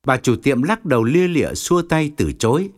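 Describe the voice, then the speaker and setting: A man narrating an audiobook story, expressive and wry. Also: mid-range voice, normal speed.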